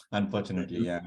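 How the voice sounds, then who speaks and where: Guy on a video call, lowish voice, explaining stuff in a halting way, repeats himself. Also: a little mellow. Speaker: working group participant presenting. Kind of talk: informal online meeting explanation.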